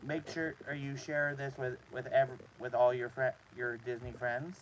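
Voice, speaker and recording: A man hosting a casual live stream from inside a small trailer, talking to his chat in a halting way with repeated words. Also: mid-range voice, level tone, slight background noise, poor audio. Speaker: host of a live show.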